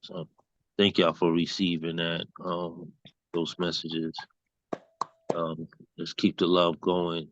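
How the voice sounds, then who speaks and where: A man hosting an online open mic, relaxed and hesitant with frequent ums, over a video call. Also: low-pitched, takes it slowly, long pauses, dry recording. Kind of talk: casual hosting. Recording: dull dry video call audio.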